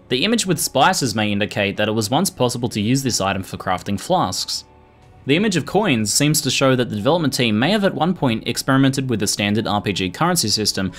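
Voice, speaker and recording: A man reading scripted video narration in a measured, informative manner. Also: medium pitch, a bit bright. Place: voice-over recording. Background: music.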